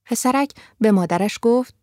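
A woman narrating a story in a calm, even reading voice. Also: a little high, no room sound, clean studio sound.

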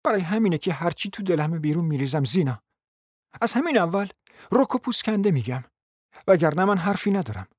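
Man voicing a scheming middle-aged mother, high-pitched, pleading, insistent, long-winded, radio drama, dry close sound. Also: sing-song, no echo.

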